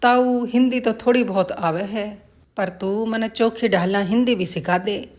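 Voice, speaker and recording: A woman voicing an eager but clumsy foreign man who speaks in earnest, halting phrases. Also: mid-range voice, a little mellow, natural voice.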